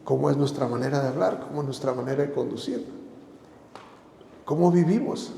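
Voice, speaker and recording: A man's voice: mid-range voice, brisk, creaky, warm tone, echoey room, in a large hall, slight background noise. A man preaching a sermon as pastor, exhorting the listeners with repeated phrases and rhetorical questions.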